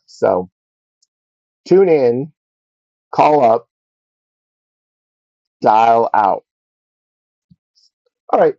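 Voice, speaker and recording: Gravelly low guy rambling to himself while streaming a game, muffled lo-fi audio. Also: dark tone, dry recording. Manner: rambling, talks to himself as he plays. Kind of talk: casual live gameplay commentary.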